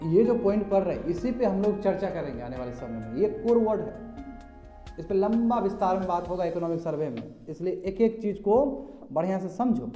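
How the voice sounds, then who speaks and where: A man teaching a class speaks in a high, mellow voice, keeping things chatty, calling on students and slipping in English terms. The recording comes from an echoey, slightly muffled classroom.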